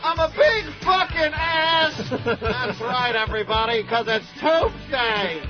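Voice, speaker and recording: A man's voice: extremely high pitch, lively intonation, slow pace. A male radio host talking through a cardboard tube, hamming it up as a mock DJ in a comedy bit. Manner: hammy mock-DJ announcing. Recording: muffled radio audio with loud music bed.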